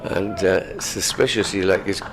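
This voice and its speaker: A man with a gravelly voice giving live cricket commentary in an unhurried, conversational way. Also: low-pitched, steady tone, slight background noise.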